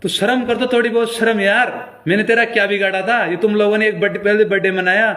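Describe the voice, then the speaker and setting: Male folk singer, Rajasthani accent, high-pitched, accusing and confrontational live-stream rant. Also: fairly even intonation, quick pace, a bit bright. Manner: confrontational, accusing, repeats challenges. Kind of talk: angry live-stream appeal.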